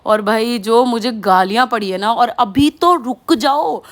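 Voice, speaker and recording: Young woman doing a chatty vlog voiceover, slightly high voice, acts out everyone's lines. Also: a little slow. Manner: animated storytelling, mixing Hindi and English, acting out family's scolding. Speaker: vlogger. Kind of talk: casual vlog voice-over narration.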